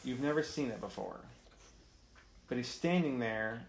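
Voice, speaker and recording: A woman runs a tabletop game, her voice sitting very low. She narrates casually and haltingly, restarting phrases as she goes. The room is echoey, with a faint hiss of noise behind her. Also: expressive. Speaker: game master.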